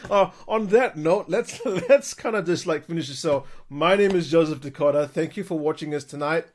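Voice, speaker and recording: A man's voice: on the high side, moderate pace. A man co-hosting a ghost-story podcast, joking around, swearing freely and laughing often. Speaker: podcast co-host.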